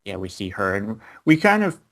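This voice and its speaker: A man's voice: on the low side, very animated, normal speed, a bit bright. A man co-hosting an anime review, recapping the episode plot in casual chat with frequent fillers.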